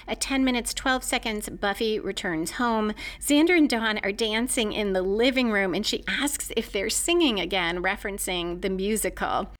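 A woman podcast host walks through an episode recap from her notes, marking the timestamps as she goes. She reads in a measured, analytical way, with her voice sitting at a middle pitch. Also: a bit bright. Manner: methodical, analytical, marks timestamps.

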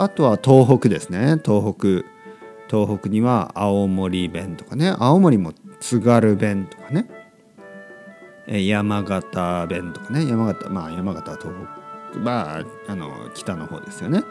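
A man hosting a podcast and explaining things slowly and clearly for learners, in simple phrasing with frequent tag questions. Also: fairly low pitch, big pitch swings, darkish tone, faint music behind. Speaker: podcast host teaching Japanese.

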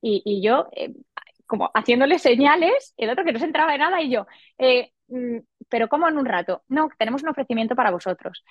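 A woman in her forties, a podcast guest, telling a personal story in a lively way and acting out the voices she quotes. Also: brisk, no room sound, muffled recording. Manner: animated, acts out quoted dialogue in a higher voice. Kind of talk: casual storytelling.

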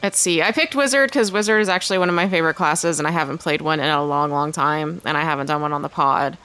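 A woman's voice: deep voice, fast talker, fairly bright tone. A woman on a tabletop game podcast, explaining things in an easygoing way. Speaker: podcast co-host and player. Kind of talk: casual podcast chat.

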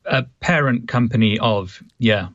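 A man's voice: medium pitch, a little slow, a bit bright, no room sound, lo-fi sound. A British man giving casual commentary as a guest, hesitant and dryly sarcastic.

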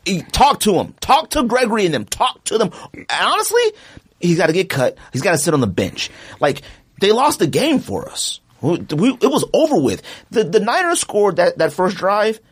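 Speaking at normal speed, a man with a high voice and a breathy edge co-hosts a podcast. He rants about a football team's season in an animated, loose, slang-filled ramble, keeping it casual sports talk.

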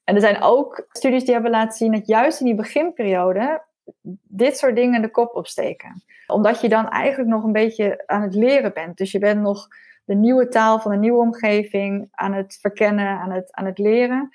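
A woman's voice: medium pitch, moderate pace, darkish tone. Explaining woman language researcher. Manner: thoughtful, explanatory, frequent hesitations. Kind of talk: explaining in an interview.

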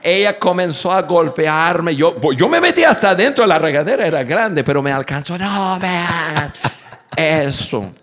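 A man tells comic stories from his own life, his voice sitting a little high and swinging widely in pitch. He acts out the shouting moments and laughs along with his own tales. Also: very animated, a little fast, hardly any pauses. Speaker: speaker on communication. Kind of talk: storytelling talk to an audience.

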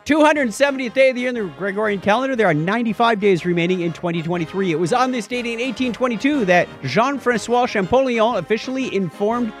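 A male podcast co-host mixes casual banter with reading listener mail and history items, dropping jokey wordplay asides along the way. His voice sits high with lively intonation, and he talks fast with hardly any pauses over soft background music.

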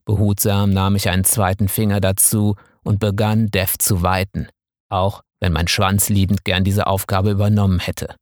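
A man calmly reading a first-person story aloud in measured scripted narration. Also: low-pitched, dry recording, clean studio sound. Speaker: audiobook narrator.

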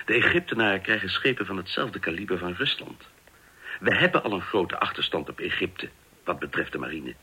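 Deep, persuasive negotiator, bright tone. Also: male voice, breathy edge, exaggerated voice. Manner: earnest, persuasive, formal. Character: earnest Israeli official negotiating weapons. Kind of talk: 1960s radio drama.

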